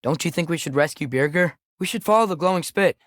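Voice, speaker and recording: A young American male actor voices an earnest, curious teenage adventurer who serves as a video game companion, in a slightly high, fairly bright voice delivered quickly and lightly acted. The scripted dialogue is casual, conversational and questioning, with an inquisitive, matter-of-fact mood. It's a clean studio recording with no echo.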